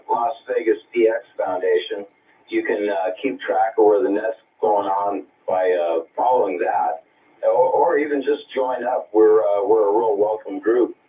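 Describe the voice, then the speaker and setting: A man running an amateur radio net, reading call signs phonetically in a relaxed, halting way, heard over a radio link with static. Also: fairly low pitch, distant mic, narrow, tinny audio. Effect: heard over a shortwave radio link with static. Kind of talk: ham radio net conversation.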